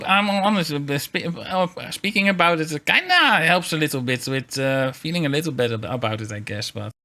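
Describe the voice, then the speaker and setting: A man livestreaming in a casual chat, talking in a halting, rambling way with wry, self-deprecating grumbles. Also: fairly high pitch, bright, forceful tone. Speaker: VTuber streamer.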